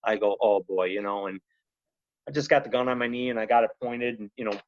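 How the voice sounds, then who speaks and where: A man's voice: lowish voice, brisk, dry recording. Brief: male podcast guest, rambling storyteller, dry close sound, a bit muffled. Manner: rambling, animated, lots of "you know" and "he goes". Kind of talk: casual storytelling. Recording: slightly muffled podcast audio.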